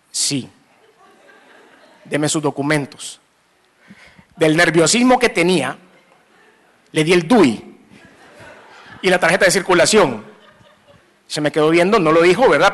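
A man with a Salvadoran accent preaching a sermon, telling a story with humor and acting out the scenes. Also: a little high. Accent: Salvadoran Spanish. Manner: animated, acts out scenes, mixes humor into preaching.

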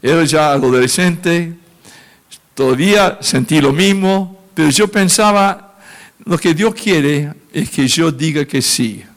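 A man, a pastor, preaching a testimony, speaking emotionally and lifting his voice high when he acts out his own prayers. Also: slow pace. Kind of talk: sermon testimony.

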